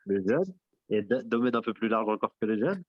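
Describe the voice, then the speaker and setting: A man's voice: on the low side, expressive, fairly quick, breathy edge, no echo, dull audio. A man teaching an interactive class. He asks his students questions, repeats their answers back, and mixes in Arabic religious terms.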